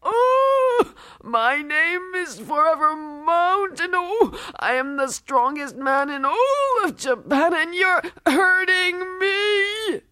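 A woman voicing a boastful giant male wrestler who whines in pain, in a high, strained, drawn-out voice. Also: sing-song, pushed and bright, dry recording, studio quality, full character voice. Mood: whimpering.

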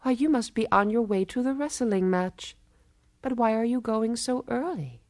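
A woman's voice: on the high side, no echo, studio quality, voice pushed up, lightly acted. Woman voicing a teasing, clever young woman. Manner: brisk and playfully scolding.

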